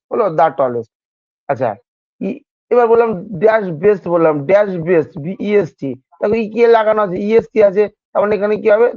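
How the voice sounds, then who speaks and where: With a high voice captured in a muffled recording that lacks any room sound, a man teaches grammar for exam preparation. This English teacher talks to his students casually, goes over each point twice and quizzes them constantly.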